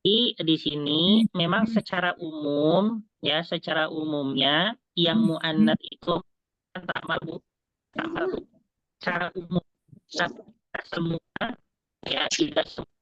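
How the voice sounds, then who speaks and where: A man's voice: on the high side, big pitch swings, slow, long pauses, fairly bright tone, no echo. A male Arabic teacher explaining patiently in an online class, his voice corrupted and breaking up over a video call. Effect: corrupted glitchy audio, voice breaking up. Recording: dull lo-fi video call audio.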